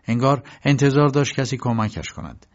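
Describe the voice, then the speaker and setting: A man narrating an audiobook in a measured storytelling manner. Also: medium pitch, lively intonation. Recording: dull lo-fi recording.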